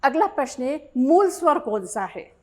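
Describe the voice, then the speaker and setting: A woman's voice: high-pitched, sing-song, a little slow, darkish tone. A woman teaching a Hindi grammar lesson for exam preparation, reading out each question and explaining the answer step by step.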